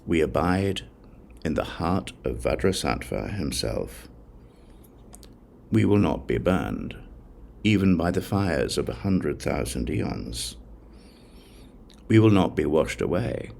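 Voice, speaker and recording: Reading a sacred text like a scripted audiobook, a man with a gravelly, extremely deep voice delivers a solemn, measured recitation. He goes slowly and deliberately, with lively shifts in pitch, while a slight hiss or hum sits in the background.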